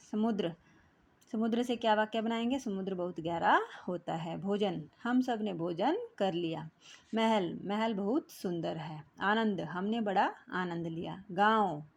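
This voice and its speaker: A woman teacher patiently working through a children's textbook exercise, often pausing to check in with her class. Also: mid-range voice, a little mellow. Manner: patient, repeats "ठीक है" between steps.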